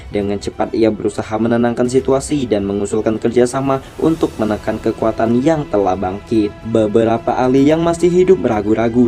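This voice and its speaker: A man's voice: lowish voice, warm tone. A man with an Indonesian accent reading a scripted, dramatic fantasy story as narrator. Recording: voice-over with music behind. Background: music.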